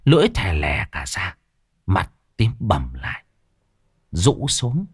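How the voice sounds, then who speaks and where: A male storyteller narrating a ghost story in a lively, dramatic way. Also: sits low, takes it slowly, husky, dry recording, studio quality.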